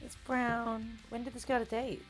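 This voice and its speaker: A woman's voice: on the high side, level tone, normal speed, over music, rough recording. A tipsy, giggly, rambling woman chatting casually as host of a comic baking vlog, sweary, self-mocking and playfully crude. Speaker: host of a comedic baking video.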